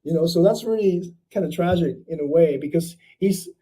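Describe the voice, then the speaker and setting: In a rough recording, a Canadian man talks about his art in a conversational interview, his voice a little high, mellow and a bit fast. He reflects thoughtfully, often using fillers and restarting his sentences.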